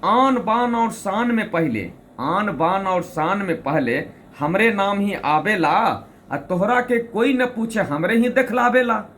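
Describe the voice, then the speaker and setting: A man's voice: high voice, expressive, takes it slowly, fairly bright tone, a little hiss or hum, pitched above the performer's own voice, exaggerated voice. A man voicing a proud, boastful talking shoe that scolds in rhyming verse. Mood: boastful, scolding.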